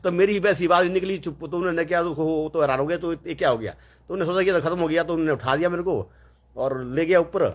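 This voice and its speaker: A man tells a story in a relaxed, wandering way, stopping for fillers and acting out what others said. His voice sits a little high and sounds husky. He talks casually, as if chatting with friends. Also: fast. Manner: rambling, full of fillers and quoted dialogue.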